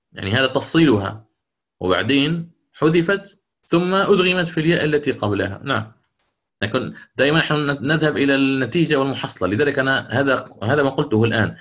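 Male recitation teacher, measured classroom delivery, repeats points for emphasis, mid pitch. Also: expressive, a bit bright. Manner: deliberate, repeats key points. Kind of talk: classroom lecture.

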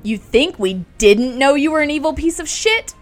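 A woman's voice: high voice, lively intonation, normal speed, over music. A woman playing a tough, commanding, foul-mouthed survivor leader, blunt and sardonic, in an audio drama. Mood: defiant, sardonic.

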